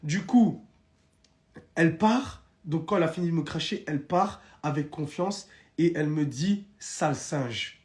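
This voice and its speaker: A man's voice: on the high side, normal speed, darkish tone. A young man in casual live-stream chat, animatedly telling viewers his own story and addressing them directly.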